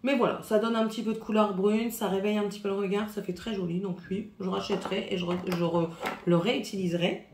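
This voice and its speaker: A woman's voice: medium pitch, fairly even intonation, fast, darkish tone, a little hiss or hum. Chatty woman reviewing makeup, echoey room. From France. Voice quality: says her voice is rough and husky today. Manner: chatty, hesitant, many fillers, shows products. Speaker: beauty vlogger. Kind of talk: casual makeup review to camera.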